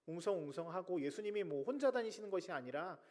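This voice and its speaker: A male pastor preaching a sermon, swinging between loud emphatic cries and hushed whispers. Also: high voice, lively intonation, fast. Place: large church sanctuary. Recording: long reverb of a church hall.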